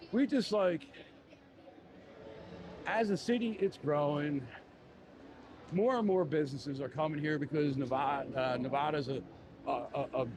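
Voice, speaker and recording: A man's voice: fairly high pitch, noisy background. Chatty man with a Philly accent. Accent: Philadelphia. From Philadelphia. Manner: rambling, lots of fillers like "you know". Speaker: live-streaming walking vlogger. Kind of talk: casual live-stream chat while walking. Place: outdoors on a busy city street.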